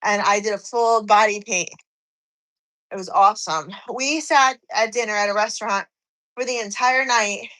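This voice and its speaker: A woman's voice: medium pitch, normal speed, sharp tone, low-quality recording. A woman in her forties, slightly out of breath from cardio, chatting on a live stream and reading viewers' comments aloud. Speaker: fitness streamer.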